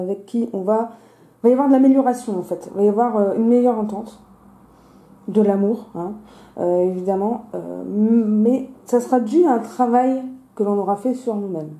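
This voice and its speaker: Lisping woman with a very soft, mellow tone. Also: on the high side. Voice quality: slushy lisp on s sounds. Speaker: host of a weekly card-reading video. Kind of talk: casual explanatory card reading. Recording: roomy, echoing sound.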